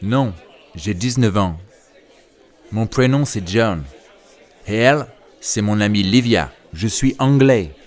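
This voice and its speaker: A man reading a slow, clearly articulated listening dialogue for a language lesson. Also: on the low side, lively intonation, a faint crowd.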